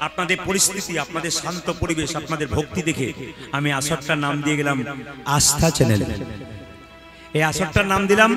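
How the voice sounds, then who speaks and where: Male kirtan leader, high bright voice, live folk music behind, playful crowd banter. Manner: playful, coaxing the crowd, laughs between lines. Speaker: kirtan singer leading a gathering. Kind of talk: devotional kirtan call-and-response with banter. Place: village kirtan gathering.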